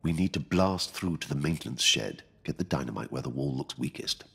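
An actor playing a genial, dryly jaunty British World War II mission guide in a video game, speaking in colloquial slang. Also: male voice, a bass voice, animated, brisk, creaky, fairly bright tone, breathy edge, exaggerated voice. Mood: jaunty, instructive.

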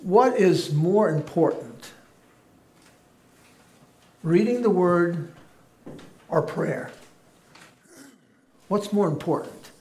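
A male pastor with a high voice gives an informal sermon in a church sanctuary, drawing out words and leaving long pauses. He banters and jokes easily with the congregation, and the recording carries the echo of the church room.

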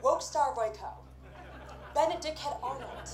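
A mocking comedy show host. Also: female voice, sits high, unhurried, reverberant. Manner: mocking, punchy comic delivery. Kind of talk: stand-up monologue on TV.

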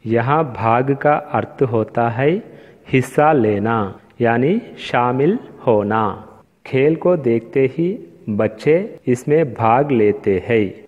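A man's voice: medium pitch, takes it slowly, muffled recording. A man teaching a recorded Hindi reading lesson to schoolchildren, patient and repetitive, often addressing the children directly. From India.

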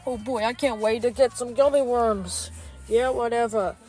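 A woman's voice: fairly high pitch, fairly even intonation, moderate pace, dark tone, faint music behind, lightly acted. A woman voicing Junior, a hungry, whiny young boy in a plush toy comedy skit. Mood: eager. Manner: whiny, pleading.

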